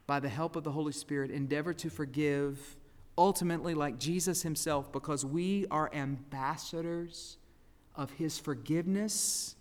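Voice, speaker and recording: Animated preacher in a reverberant hall. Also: male voice, fairly high pitch. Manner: animated, acts out quoted voices, swings from loud to hushed. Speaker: pastor. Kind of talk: sermon. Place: church sanctuary.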